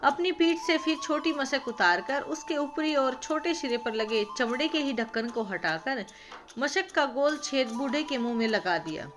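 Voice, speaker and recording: A woman's voice: high voice, moderate pace. Woman narrating a bedtime story. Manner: steady, calm storytelling. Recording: background music.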